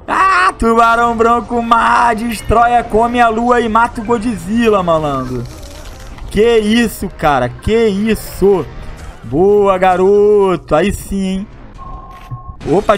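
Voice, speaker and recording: Excitable gamer man, high voice. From Brazil. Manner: excitable, shouts and laughs at big moments, slangy hype talk. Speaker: gaming YouTuber. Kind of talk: excited let's-play commentary. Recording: faint game music behind the voice.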